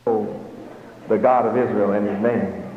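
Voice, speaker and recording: A man preaching a fiery sermon to a gathered audience, pressing his points with rhetorical questions and bursts of shouting. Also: lowish voice, steady tone, normal speed. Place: hall with a live audience. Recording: echoey hall, dull lo-fi, noisy.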